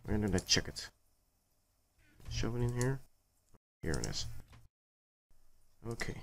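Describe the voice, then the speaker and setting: A man's voice: lowish voice, very animated, slow, gravelly, slight background noise. A man giving casual let's play commentary, muttering to himself in short fragments with a grumbly, exasperated edge. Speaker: gaming video host.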